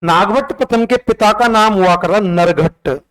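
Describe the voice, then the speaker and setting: A man's voice: sits high, normal speed, fairly bright tone, clear, resonant tone, low-quality recording. A man teaching history, drilling facts through repeated questions and sing-song counting in call-and-response revision.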